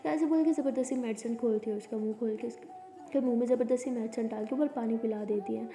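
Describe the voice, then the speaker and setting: A woman storyteller narrating a romance in a very dark, mellow voice, pitched a bit high. She sometimes drops to a soft whisper. The room is echoey with a long reverb tail. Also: fast talker. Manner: softly dropping to a whisper in intimate scenes.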